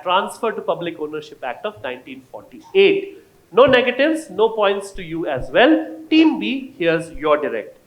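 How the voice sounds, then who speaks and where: A man's voice: sits high, roomy sound, low-quality recording. A man hosting a live quiz in a college auditorium, chatty, playful and emphatic. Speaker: quizmaster.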